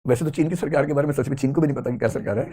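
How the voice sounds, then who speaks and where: A man's voice: medium pitch, very fast, mellow. A middle-aged man giving a conversational classroom lecture, asking the students questions as he goes. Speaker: teacher.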